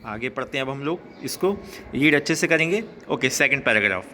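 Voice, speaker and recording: A young man teaching a class of children, reading a poem slowly line by line and repeating it, then explaining in Hindi, filmed on a phone at a school. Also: medium pitch, expressive, bright, forceful tone, slight background noise. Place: school grounds, filmed while walking around.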